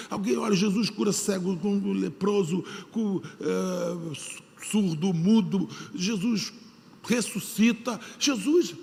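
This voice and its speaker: A man with a Brazilian Portuguese accent, a pastor preaching a sermon in a church hall, repeating phrases for emphasis and swinging between loud and hushed delivery. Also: high voice, vocal fry. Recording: long hall reverb.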